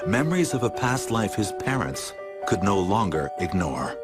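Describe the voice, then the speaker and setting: Documentary narrator, low voice with a lively rise and fall, music playing underneath. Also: male voice, normal speed. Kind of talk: scripted narration.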